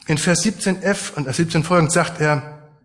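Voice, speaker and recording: A man's voice: on the high side, moderate pace. A man preaching a sermon to his congregation, conversational and emphatic, with rhetorical questions.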